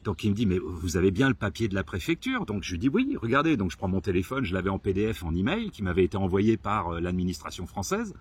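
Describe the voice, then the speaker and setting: A man telling a story to camera in a casual vlog, lively and swearing, acting out the people he quotes. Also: low-pitched, quick pace, few pauses, breathy edge. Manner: animated, swearing, acts out quoted exchanges. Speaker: vlogger.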